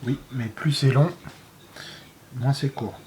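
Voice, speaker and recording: A woman chatting calmly and matter-of-factly while helping with a craft project. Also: a bass voice, takes it slowly, background noise. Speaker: co-builder. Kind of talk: casual chat.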